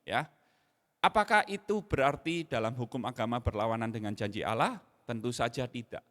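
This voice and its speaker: A middle-aged man preaching a sermon in an animated way, dropping in slang. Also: medium pitch, normal speed. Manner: animated, mixes in Javanese slang, acts out his own scolding. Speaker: pastor. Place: church hall. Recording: long hall reverb.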